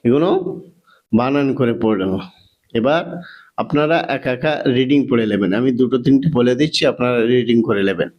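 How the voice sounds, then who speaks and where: A man with a Bengali accent teaching Quran reading, spelling letters out one by one in a measured recitation drill. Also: mid-range voice, highs cut off. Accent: Bangladeshi Bengali. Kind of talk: slow spelling-out recitation lesson.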